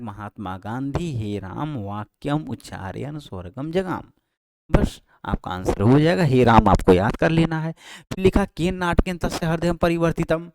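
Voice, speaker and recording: A male teacher talking students through exam answers, explaining patiently and repeating key points, with frequent pauses and self-corrections. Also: medium pitch, a little mellow, dry recording. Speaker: Sanskrit teacher. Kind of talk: exam-prep lesson. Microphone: handheld microphone held close.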